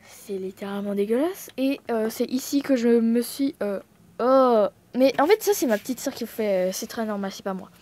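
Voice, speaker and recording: Une jeune femme originaire de Thaïlande, bavarde et dispersée, pleine d'hésitations et d'excuses, filmée au téléphone dans son appartement. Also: female voice, a little high, a little fast, few pauses, mellow. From Thailand. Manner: chatty, scattered, lots of fillers and apologies. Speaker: vlogger. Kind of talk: casual chat to camera. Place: apartment room at home. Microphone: phone held in hand.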